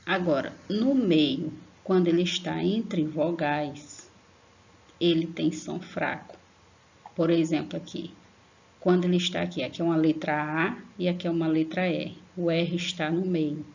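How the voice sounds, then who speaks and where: A Brazilian primary school teacher gives an online grammar lesson to young children in a low-pitched, steady, slightly mellow voice with vocal fry. She's affectionate, slowly and emphatically spells out syllables, and tags sentences with a questioning "tá?". The online class recording is lo-fi.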